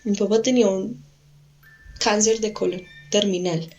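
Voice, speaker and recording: A young woman speaks as a guest on an interview podcast. She recounts her story haltingly, trailing off and restarting her sentences as she goes. Her voice sits at an ordinary middle pitch. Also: steady tone, a little mellow. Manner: hesitant, halting, with frequent restarts.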